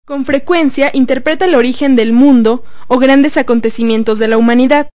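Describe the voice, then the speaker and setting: A woman reading dictionary definitions in a measured, formal way. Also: sits high, a little mellow, no room sound. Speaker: reader.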